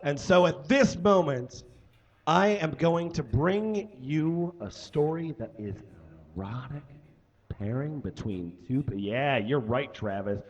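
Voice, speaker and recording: A man doing a comedic live reading on stage into a microphone, theatrical with loud bursts of emphasis. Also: a little high, animated, slow pace, dull audio. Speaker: live show performer. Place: stage before a live audience.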